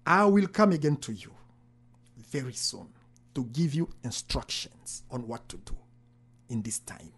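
A man's voice: mid-range voice, big pitch swings, a little slow, breathy edge, heavily acted. A man voicing God, stern and commanding. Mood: solemn. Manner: solemn, commanding.

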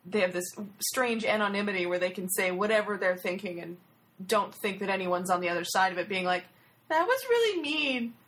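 A woman hosting a casual podcast interview, relaxed and chatty. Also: on the low side, fairly quick.

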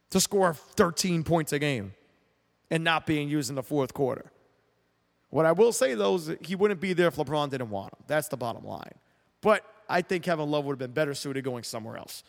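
A man hosting a sports talk show, with a somewhat high voice and a blunt, opinionated delivery. He rambles, restarts and repeats words. The recording has a long, echoing reverb. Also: creaky.

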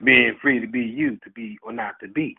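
A man's voice: medium pitch, normal speed, vocal fry, husky. A man from Houston, Texas reading a sensual spoken word poem, chuckling between lines. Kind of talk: slow sensual poetry reading. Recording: tinny phone line.

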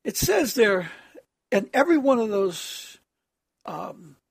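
A preacher with a harsh, hoarse voice, speaking haltingly in an extemporaneous sermon addressed as prayer, often clearing the throat. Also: mid-range voice, very animated, dry recording.

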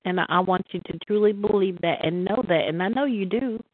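A woman's voice: medium pitch, fairly quick, no room sound. Middle-aged woman over a tinny phone. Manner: earnest, stammering restarts. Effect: heard over the phone. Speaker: caller on a prayer line. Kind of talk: spoken encouragement in a church call. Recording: tinny dry phone line.

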